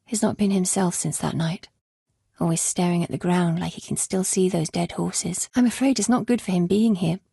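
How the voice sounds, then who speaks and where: An actress voices a grieving, wary middle-aged widow who runs a medieval stud farm, delivering video game dialogue in an earnest, plain-spoken way. Her voice sits on the low side, mellow with a breathy edge, in studio-quality audio with no echo.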